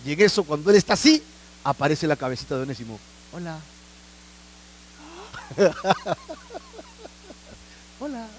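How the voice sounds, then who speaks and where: A man's voice: on the high side, animated, fast talker, slight background noise, rough recording. A man preaching a Bible sermon, conversational, often adding tag questions and acting out little scenes. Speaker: pastor. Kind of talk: expository sermon.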